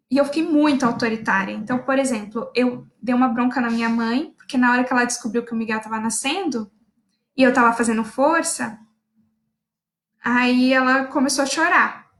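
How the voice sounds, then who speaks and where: Uma jovem parteira contando o próprio parto num relato casual e animado, rindo com frequência. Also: female voice, high voice, roomy sound. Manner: animated storytelling, laughs often, acts out her own quoted orders. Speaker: midwife recounting her own birth. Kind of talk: personal birth story, casual talk.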